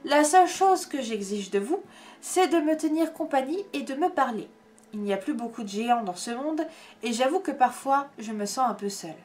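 A woman reading aloud, voicing a gentle, lonely old male giant who speaks softly and pleads for company. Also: high-pitched, animated, normal speed. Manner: pleading, soft-spoken. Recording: faint background music.

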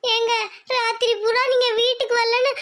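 Someone voicing a shrill coaxing cartoon wife. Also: completely flat delivery, normal speed, fairly bright tone. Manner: coaxing, scolding. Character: worried village wife and mother.

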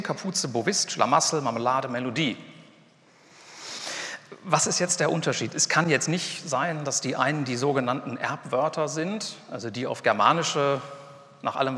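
A man's voice: mid-range voice, sharp tone. Chatty male lecturer in a reverberant hall. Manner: casual, chatty lecturing with many fillers and asides. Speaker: university lecturer.

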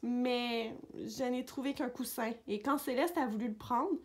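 A woman reading a picture book aloud for young children, narrating gently in a dog's voice of first person. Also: fairly high pitch, unhurried. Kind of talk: read-aloud storybook narration.

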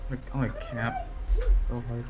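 A man's voice: mid-range voice, flat delivery, moderate pace, heavy background noise. A man teasing a friend and calling out moves while gaming in casual voice chat. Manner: chatty, teasing, game callouts. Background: loud game music.

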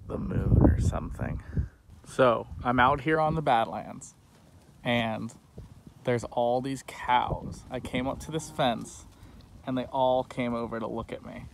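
Out on windy open land, a young adult travel vlogger records his road trip on a phone camera at arm's length, wind audible behind him. His mid-range voice carries vocal fry, and he talks casually and enthusiastically, easygoing throughout, with voice-over.

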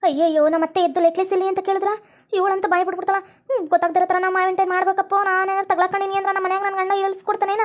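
Fast, very high-voiced woman. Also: flat delivery. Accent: North Karnataka Kannada. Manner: scolding, quarrelsome, rapid. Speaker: narrator voicing every female figure. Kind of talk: cartoon voice acting.

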